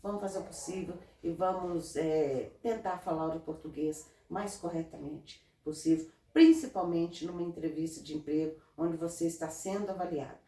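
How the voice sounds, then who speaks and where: A woman from Brazil, a guest in an interview, giving earnest, animated advice in casual talk. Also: fairly low pitch, moderate pace, hardly any pauses. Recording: roomy, from a distance off mic.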